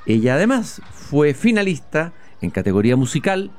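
A man's voice: on the high side, very animated, moderate pace, faint music behind. Man hosting an interview. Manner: thoughtful, with hesitant restarts. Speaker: interviewer host. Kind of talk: conversational interview. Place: school patio, outdoors.

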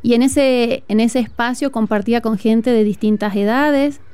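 Mellow-voiced Argentine woman, earnest. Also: fairly high pitch, steady tone, moderate pace, clean tone, no echo. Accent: northern Argentine Spanish. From northern Argentina. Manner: earnest, reflective, with frequent fillers. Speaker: guest music teacher. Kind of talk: conversational interview. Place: school patio, outdoors.

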